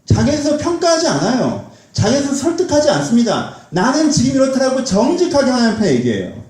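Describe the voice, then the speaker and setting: A man's voice: extremely high pitch, huge pitch swings, a little fast, a little mellow. A man preaching a sermon as a pastor, speaking conversationally and asking his congregation questions. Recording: echoey church hall.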